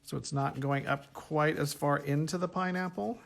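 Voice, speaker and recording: A man's voice: fairly high pitch, fairly even intonation, normal speed, vocal fry, fairly bright tone. A man teaching a painting workshop in a casual, chatty way, thinking aloud as he works at a table. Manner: chatty, thinks aloud while working, self-correcting. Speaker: art instructor. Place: home art workspace at a table.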